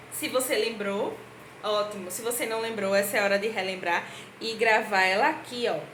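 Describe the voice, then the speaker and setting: A woman teaching young children in a review lesson, talking patiently in a sing-song way, stretching out words slowly and checking in with them often. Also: on the high side, a bit bright. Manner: slow, drawn-out words when spelling out syllables. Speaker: primary school teacher. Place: indoor room at a board, writing with a marker. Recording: echoey room with faint background hiss.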